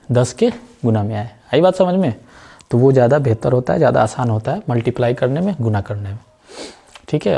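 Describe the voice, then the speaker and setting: A man's voice: medium pitch, warm tone. A man teaching a math class, chatty and joking, often stopping to ask if the students understand. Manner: keeps asking if students understand, jokey asides. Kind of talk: chatty classroom lesson with side talks.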